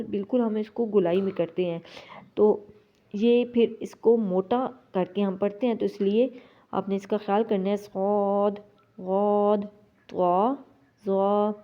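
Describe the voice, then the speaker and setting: A woman teaching Quran reading, explaining pronunciation step by step and drawing out single letters slowly to demonstrate. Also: mid-range voice, narrow, tinny audio.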